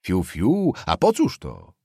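Haughty young nobleman, raspy and imperious, a male reader putting him on, lively pitch. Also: slow pace, no echo, studio quality, full character voice. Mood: commanding. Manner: hoarse, commanding, mocking questions.

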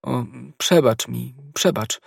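A man's voice: mid-range voice, takes it slowly, gravelly, slightly rough, dry recording, clean studio sound, heavily acted. A man voicing an earnest young woman from a convent in an audiobook, eager and questioning. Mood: pleading.

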